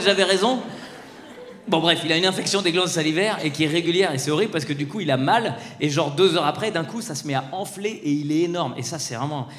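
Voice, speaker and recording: A man doing casual stand-up, chatting and swearing with a live audience and slipping into quick impressions. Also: sits high, fairly bright tone. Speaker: stand-up comedian. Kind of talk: live stand-up crowd work. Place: theatre stage. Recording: roomy hall sound, faint crowd ambience.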